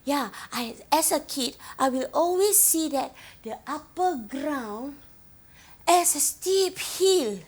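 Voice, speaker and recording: An actress with a Singaporean accent, playing a young woman who fondly recalls her island village childhood, gently telling her story and asking the listener questions. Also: sits high, expressive, slow. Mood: reminiscing. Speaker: actor in a monologue. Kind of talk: theatrical storytelling monologue to the audience.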